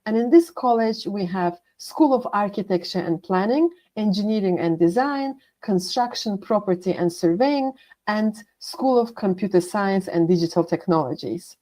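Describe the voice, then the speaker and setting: A woman's voice: medium pitch, animated, normal speed, dark tone. A woman working as a university international manager, giving a scripted presentation and methodically listing course names.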